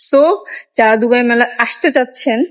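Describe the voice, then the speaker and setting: A woman's voice: fairly high pitch, steady tone, moderate pace, fairly bright tone. Chatty young woman vlogging on a walkway. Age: young adult. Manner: chatty, wry, self-mocking about being lazy. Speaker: travel vlogger. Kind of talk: casual travel vlog. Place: indoor glass skywalk with moving walkways. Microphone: phone at arm's length.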